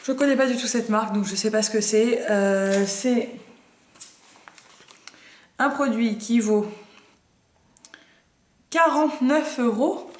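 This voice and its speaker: A woman's voice: on the high side, slow pace, pauses often, echoey room, a little hiss or hum. A woman in her twenties chatting casually through a beauty box unboxing, hesitant with frequent fillers and self-mocking jokes. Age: 20s. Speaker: beauty vlogger.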